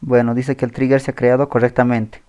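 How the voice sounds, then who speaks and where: A man teaching a screen-recorded coding tutorial, thinking aloud as he types, pausing and correcting himself. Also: mid-range voice, flat delivery, clear, resonant tone, dull audio. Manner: thinks aloud while typing, with pauses and self-corrections. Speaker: programming tutor.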